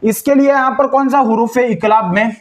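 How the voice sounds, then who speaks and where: A man teaching Quran reading step by step. He spells out letters slowly, syllable by syllable, and patiently asks questions that he answers himself. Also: very high voice, fairly even intonation. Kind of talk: step-by-step recitation lesson.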